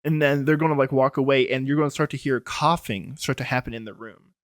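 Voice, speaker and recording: A man's voice: mid-range voice, a little fast, no echo, clean studio sound. A man running a tabletop horror game as game master, narrating with lots of fillers and loose, rambling phrasing. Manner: rambling, filler-heavy, chuckling.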